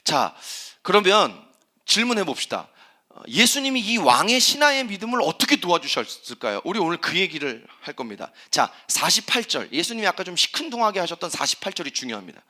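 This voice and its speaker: A male pastor preaches with a high, lively voice that rises and falls all through. His tone is bright and ringing. He keeps turning to the congregation with questions and acts out the prayers he quotes. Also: fairly quick. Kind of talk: sermon. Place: church sanctuary.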